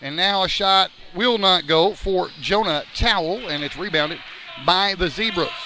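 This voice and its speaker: A male play-by-play commentator calls a basketball game live in radio style from courtside in a school gym, sounding a little out of breath. His voice is high-pitched, unhurried, bright and forceful. The low-quality recording clearly picks up gym noise and a bouncing ball.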